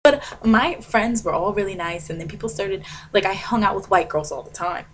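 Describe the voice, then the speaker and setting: Speaking at normal speed in a mid-range voice, this young woman from Maryland, USA, vlogs a dramatic comic rant at her own expense. She records on a desk webcam in her small bedroom, and there's a faint hiss or hum in the audio.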